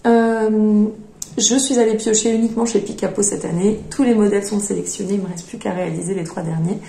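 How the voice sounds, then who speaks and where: A woman's voice: mid-range voice, steady tone, brisk, vocal fry, dark tone. A woman hosting a knitting podcast, chatting casually as she shows her projects, with many fillers and hesitations. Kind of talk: casual show-and-tell chat. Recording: echoey room.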